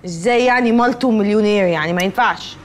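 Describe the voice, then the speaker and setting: An actress with an Egyptian accent playing a brash, sharp-tongued poor young woman who mocks and jeers at others. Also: medium pitch, racing, slight background noise, lightly acted. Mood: mocking. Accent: Egyptian Arabic. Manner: mocking and loud-mouthed. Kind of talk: TV comedy series acting.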